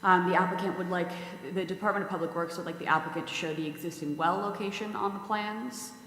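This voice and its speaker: A woman's voice: lowish voice, steady tone, fast, fairly bright tone. A woman on town planning staff, reading out conditions in a formal report at a public meeting. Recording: echoey meeting hall, faint noise.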